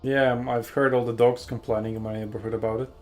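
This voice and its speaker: A man's voice: mid-range voice, little pitch movement, fast talker, darkish tone, faint music behind. Chatty male esports caster. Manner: chatty, jokey, rambling with fillers. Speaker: tournament caster. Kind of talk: casual esports commentary.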